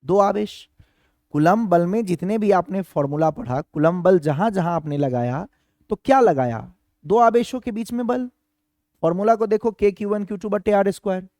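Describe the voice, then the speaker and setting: A man's voice: high voice, moderate pace, darkish tone, no echo, studio quality. A man teaching a physics lesson to students, often asking them questions and acting out what a student might ask. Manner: asks students repeated questions, acts out student voices. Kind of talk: classroom physics lecture.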